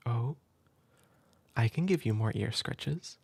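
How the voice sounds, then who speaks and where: A man speaking tenderly in a soft, half-whispered ASMR comfort roleplay, close to the mic. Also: mid-range voice, lively intonation, slow pace, gravelly, breathy edge, no room sound. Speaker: ASMR creator.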